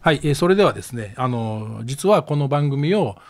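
A man's voice: medium pitch, animated, moderate pace, no room sound, soft background music. A man with an Osaka accent hosting a casual solo podcast, reading listener stories aloud with chuckling, self-deprecating asides and plenty of fillers. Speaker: podcast host.

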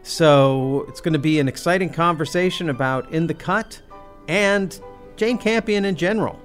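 A man co-hosting a film podcast, talking casually in a wry, drawn-out, sarcastic way. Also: a little high, faint music behind. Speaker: podcast co-host.

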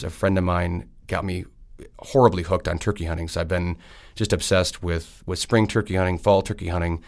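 This state senator, a Wisconsin man in his thirties, has a low, creaky voice. Answering an interview, he rambles amiably and fills his speech with fillers.

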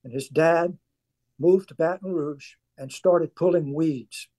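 With a warm, fairly high voice, an older man from South Louisiana speaks in a Cajun accent as a radio interview guest. The author and former weightlifter tells his story earnestly and with emphasis.

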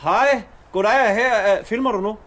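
A man's voice: high-pitched, a bit bright, slight background noise. A man playing an indignant local candidate who keeps swearing, in a comedy sketch. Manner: blustering, indignant, swears a lot. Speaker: comic candidate character.

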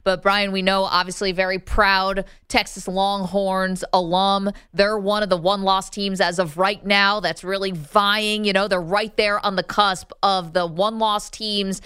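A woman's voice: mid-range voice, flat delivery, measured pace, hardly any pauses, fairly bright tone, no echo, clean studio sound. A woman co-hosting a sports radio show, introducing a guest in a conversational way. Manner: smooth, conversational, repeats "obviously".

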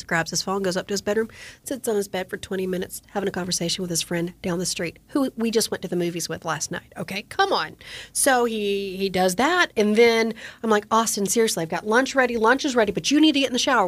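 A woman in her forties co-hosting a podcast, chatting casually and telling a story while acting out the quoted voices. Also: mid-range voice. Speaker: podcast co-host. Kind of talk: casual chat.

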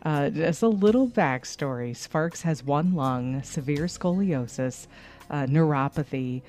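A woman's voice: low-pitched, lively intonation, unhurried, warm tone, soft background music. A woman co-hosting a morning radio show, chatting and reading news stories in a conversational way, laughing easily. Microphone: studio microphone.

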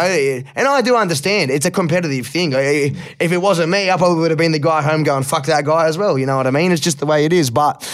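An Australian man, a rapper guesting on a podcast, talking candidly and reflectively in casual chat, swearing now and then and repeating words when moved. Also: on the high side.

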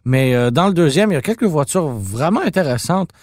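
Animated Québécois man, dry close sound. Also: a little high, brisk, no room sound. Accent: Québécois French. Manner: teasing, animated storyteller. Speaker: podcast co-host. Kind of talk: casual podcast chat about car films.

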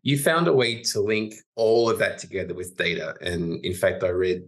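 A man hosting a casual podcast interview, enthusiastic and easily excited. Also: low-pitched, moderate pace. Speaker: podcast host.

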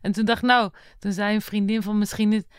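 Thirties female guest, halting and unsure, smooth clear tone. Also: medium pitch, fairly even intonation, dry recording, studio quality. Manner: hesitant, halting, many restarts. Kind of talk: casual interview.

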